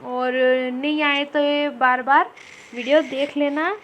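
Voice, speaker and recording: A woman with a high voice takes a primary school reading lesson. She sounds out each word syllable by syllable and says it twice so the children can copy her. She talks slowly and patiently. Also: steady tone, fairly bright tone, dull audio, a little hiss or hum. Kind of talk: slow phonics lesson for children.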